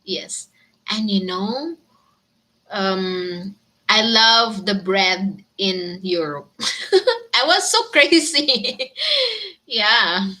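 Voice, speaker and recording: A woman with a Filipino accent chats with her viewers in an unhurried way. Her voice is bright and clear, and she giggles easily as she answers each comment. She is in her thirties and sounds friendly and talkative. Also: mid-range voice, lively intonation. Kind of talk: casual live chat with viewers.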